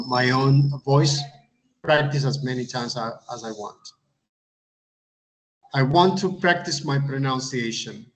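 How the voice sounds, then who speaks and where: Halting male English teacher. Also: medium pitch, a bit bright, poor audio. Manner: halting, repeats words, frequent uh. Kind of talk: instructional tutorial.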